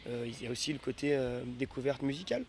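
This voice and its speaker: A man's voice: medium pitch, quick pace, darkish tone, slight background noise. A man in his twenties, a festival volunteer, answering interview questions with hesitant fillers. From France. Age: 20s.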